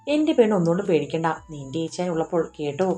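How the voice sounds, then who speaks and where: A woman's voice: low-pitched, sing-song, very fast, warm tone, faint music behind. A woman voicing a playful young man, the teasing romantic hero of a storybook romance.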